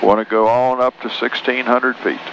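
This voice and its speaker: A man's voice: medium pitch, little pitch movement, moderate pace, vocal fry. An older man coaching a flying student in short, instructive remarks over a cockpit headset. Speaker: flight instructor. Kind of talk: coaching during a flying lesson. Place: small light aircraft cockpit. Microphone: aviation headset boom mic. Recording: muffled headset intercom, faint engine noise.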